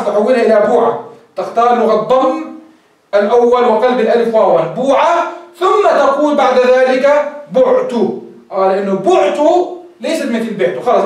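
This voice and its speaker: A man who teaches a grammar lesson as a sheikh and keeps checking with his students, asking and answering his own questions. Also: very high voice. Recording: echoey room, voice far from the mic.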